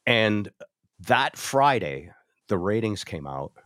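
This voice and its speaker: Animated lower-voiced American man telling stories. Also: takes it slowly, dry recording, studio quality. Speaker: former morning radio host. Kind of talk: casual reminiscing on a group call. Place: video call.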